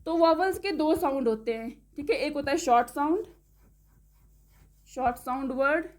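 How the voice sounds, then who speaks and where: A woman teaching English pronunciation, who explains step by step, checks in with the class often and spells words out slowly letter by letter. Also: high voice. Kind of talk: classroom-style lesson.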